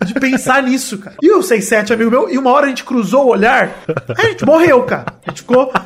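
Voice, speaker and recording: Young guy, quick talker, animated and laughing, slangy storyteller. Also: very high voice, slight background noise. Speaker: guest storyteller. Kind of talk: casual chat.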